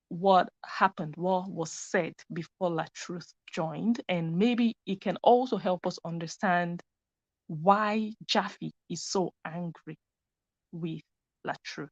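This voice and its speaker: A woman with a fairly low voice hosts a live stream, chatting away and addressing her viewers directly. She's on a computer mic, and the recording is dry, dull, and lo-fi.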